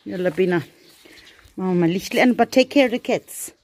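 A woman's voice: mid-range voice, brisk, a little mellow. A woman vlogging casually on a village farm, chatting and coaxing animals while switching between languages. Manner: chatty, switching between German, English and Arabic.

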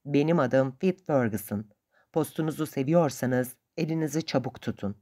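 Lady doing an angry red-faced guy in a storybook, blustering threats, low voice. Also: moderate pace, warm tone. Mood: furious. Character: red-faced, furious male dog owner, blustering.

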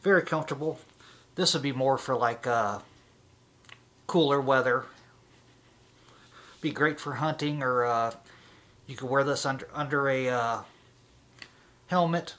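A man talks through a fleece face mask, giving a casual product review with a bright, forceful voice. His delivery is halting, broken up by frequent filler pauses as he gathers his thoughts. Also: medium pitch.

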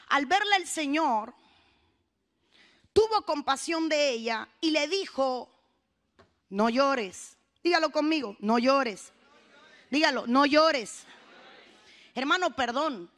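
A woman's voice: sits high, bright, forceful tone. A woman pastor preaching a sermon with rising fervor, calling the congregation to repeat after her.

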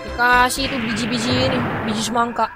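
A woman's voice: a little high, level tone, fast. A woman giving casual gameplay commentary, chatty and joking with viewers. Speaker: gaming channel host. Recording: loud game music behind. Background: loud game music.

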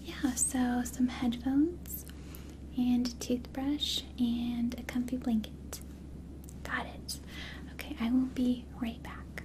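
A young woman playing an attentive, gentle flight attendant in a soft, soothing whispered role-play. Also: on the high side, flat delivery, slow pace. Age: young adult. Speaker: ASMR performer.

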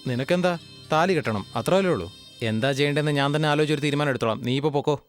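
An actor dubbing a rough, blunt young village man with a quick temper. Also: on the high side, soft background music, natural voice. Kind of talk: Malayalam film dub acting.

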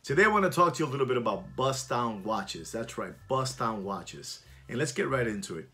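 A man in his sixties who hosts a watch channel, talking casually and emphatically to camera from a small room at home, repeating his points with animated gestures. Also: mid-range voice, fairly quick.

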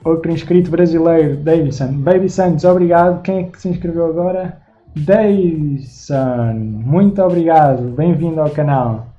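A young man in his twenties with a Lisbon European Portuguese accent and a high-leaning voice chats casually at normal speed while hosting a live stream as an artist, thanking viewers by name. He's in a small room at home, and the muffled recording carries soft background music.

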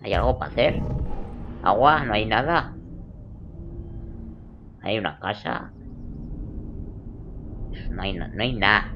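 A man, doing let's play commentary over a video game, jokey and swearing, muttering then suddenly shouting. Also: on the low side, lively intonation, slow, long pauses, muffled recording, background noise. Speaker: gaming video creator.

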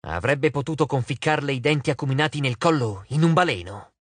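A man narrating an audiobook in an expressive, theatrical way. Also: mid-range voice, brisk, breathy edge, no room sound. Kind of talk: scripted narration.

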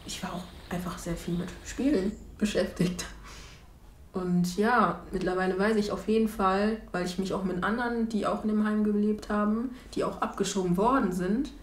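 This documentary interviewee is a young woman from Germany, in her twenties, who speaks at a moderate pace and an everyday middle pitch. Her reflective testimony is hesitant, full of fillers and restarts. Recorded with a lapel mic in a small room and outside on a street, the audio has a clear roomy echo.

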